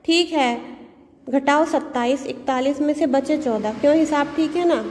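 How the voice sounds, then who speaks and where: A woman's voice: sits high, moderate pace, a little mellow, natural voice. A woman teacher reading the part of a stern male employer who cheats his maid, in a reproachful, lecturing way. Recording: long reverb, faint background noise.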